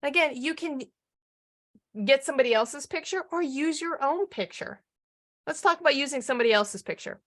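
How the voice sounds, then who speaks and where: A woman coaching a live online marketing training, energetic and upbeat, often firing questions at her audience. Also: fairly high pitch.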